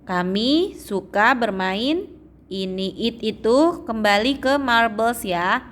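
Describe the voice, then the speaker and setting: A young adult woman teaching English to children, drawing out example phrases slowly and checking in often. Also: fairly high pitch, lively intonation. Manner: slow, drawn-out reading of English phrases, frequent "ya" checks. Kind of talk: explaining English lesson to children.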